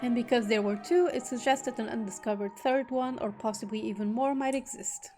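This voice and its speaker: Female streamer, slightly high voice, reads game text aloud and drops quick jokey asides. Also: dark tone, faint music behind. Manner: reads narration steadily, breaks off into joking asides. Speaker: streamer reading a visual novel aloud. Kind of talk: reading aloud with casual asides.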